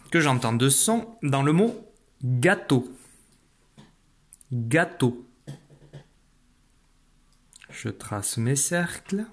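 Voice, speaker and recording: A man teaching young children a phonics lesson, saying each sound slowly and carefully. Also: medium pitch. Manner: slow, careful, stretched-out pronunciation of sounds. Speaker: primary school teacher.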